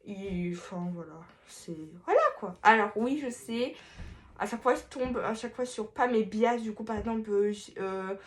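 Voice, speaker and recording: A woman's voice: medium pitch, normal speed. A woman vlogger chatting casually through a face mask, with a rambling, hesitant, playful way of talking full of fillers and restarts. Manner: playful, self-mocking asides. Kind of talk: casual chat.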